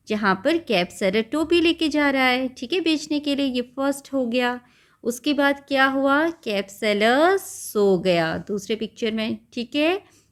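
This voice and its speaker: A woman teaching young children from a school workbook, slow and patient, mixing Hindi and English and stressing each word as she reads it aloud. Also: high voice.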